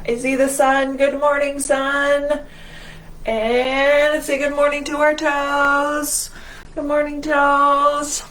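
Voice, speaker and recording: A woman with a high, level voice speaks slowly and a bit brightly over poor-quality audio. She's a children's librarian running a storytime, encouraging young kids in a singsong way as she mixes movement with reading aloud.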